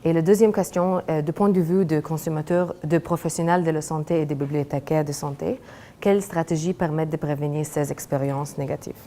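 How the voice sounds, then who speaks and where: Low-voiced woman, halting foreign-accented French. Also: fairly even intonation, dark tone, slight background noise. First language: not French. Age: young adult. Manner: hesitant, halting non-fluent French, searching for words. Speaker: graduate student presenting research. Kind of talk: academic presentation of a thesis project.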